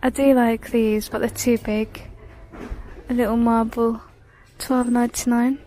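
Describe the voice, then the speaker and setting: A young woman vlogs herself browsing inside a large home decor store, filming on a handheld phone and chatting casually while reading prices aloud, sometimes dropping to a whisper. Her voice is on the high side and warm, with a flat, unhurried delivery, and the recording sounds rough.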